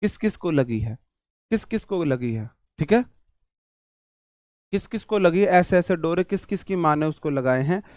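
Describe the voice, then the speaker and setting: A man's voice: a little high, expressive, moderate pace, pauses often, darkish tone, no echo. Chatty male vocabulary teacher. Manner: chatty, jokey, answers imagined student questions. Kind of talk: online exam-prep lesson.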